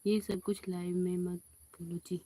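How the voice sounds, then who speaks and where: A woman hosting a casual live stream in a quiet back room of a house, chatting and answering viewer comments. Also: on the low side, little pitch movement, unhurried.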